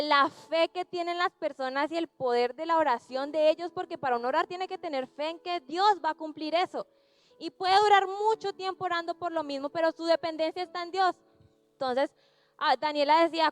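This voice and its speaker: A young woman giving a sermon to young people, talking conversationally and asking the listeners questions. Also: high voice. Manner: conversational, asks the audience questions. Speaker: youth preacher.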